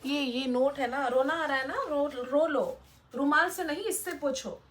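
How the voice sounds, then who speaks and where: A woman's voice: high-pitched, a little slow, a bit bright, slight background noise. A young woman vlogger giving blunt, lecturing motivational advice, talking straight to her viewers. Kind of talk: motivational casual talk to camera.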